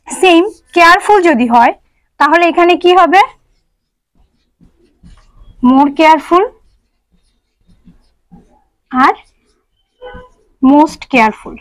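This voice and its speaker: High-voiced woman teaching grammar. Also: slow, long pauses, no echo, low-quality recording. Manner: explains step by step, asks students questions; mixes English terms into speech. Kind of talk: online grammar lesson.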